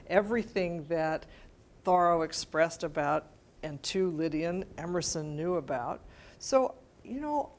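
Her voice is mid-range and a little mellow. The middle-aged lecturer fields questions from an audience in a bright, mid-sized library meeting room after a scholarly talk, speaking hesitantly and informally and frequently self-correcting while thinking aloud.

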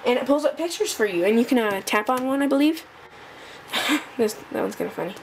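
A woman presenting a casual tech demo off the cuff, halting and thinking aloud as she goes. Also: fairly high pitch, animated, vocal fry. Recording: noticeable background noise.

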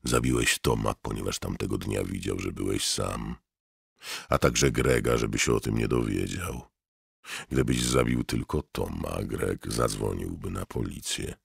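Man doing a hushed accusing inner voice. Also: a bass voice, a little slow, creaky, slightly rough, dry recording, studio quality, voice pushed down, heavily acted. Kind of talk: audiobook narration.

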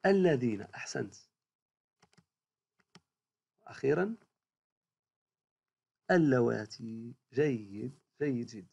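A primary school teacher from Morocco giving a recorded reading lesson to young pupils, repeating each word slowly and praising every answer. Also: medium pitch, lively intonation, creaky, dark tone, husky, muffled recording.

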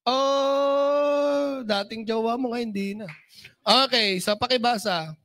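Brief: high-pitched male trainer, animated seminar coach who keeps asking listeners for agreement. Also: takes it slowly, slight background noise. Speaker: business trainer. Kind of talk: motivational seminar talk.

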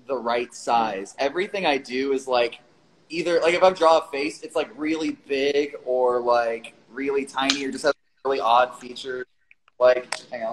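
On a rough recording with slight background noise, a medium-pitched man hosts a casual livestream from his phone. He's loose and jokey, swearing freely while chatting with viewers who come into the stream.

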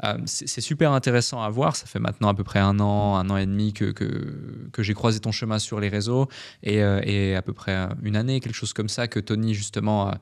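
A man's voice: lowish voice, steady tone, fairly quick, gravelly. A man hosting an interview, asking long questions full of fillers and restarts. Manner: hesitant, many fillers and repeated words. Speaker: podcast host.

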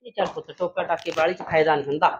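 A woman's voice: deep voice, rapid-fire, a little hiss or hum, lightly acted. A woman playing a soothing village mother. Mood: placating. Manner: soothing, calming others down. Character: placating middle-aged village mother. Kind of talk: village family drama acting. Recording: dull lo-fi sound.

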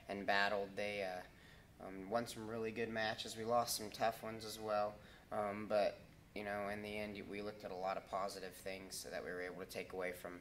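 A man in his thirties, a head wrestling coach, answering interview questions in a halting way with many ums and restarts, standing in a school wrestling room. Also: lowish voice, a bit bright, a little hiss or hum.

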